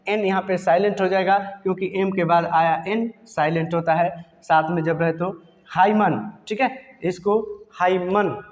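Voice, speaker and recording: A man teaching English pronunciation in a lesson, drilling words and asking rhetorical questions. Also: high-pitched. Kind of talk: classroom-style lesson. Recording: echoey room with long reverb.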